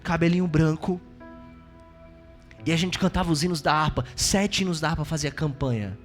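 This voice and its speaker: A man with a Brazilian accent preaching a sermon as pastor, shifting between loud exclaiming and hushed, intimate asides. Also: a little high, normal speed, faint music behind. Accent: Brazilian Portuguese.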